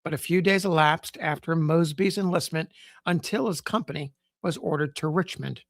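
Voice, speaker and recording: A man hosting a podcast, reading an old newspaper sketch aloud in a measured, formal way with the odd stumble. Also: on the high side, vocal fry, no echo, clean studio sound. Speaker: podcast host.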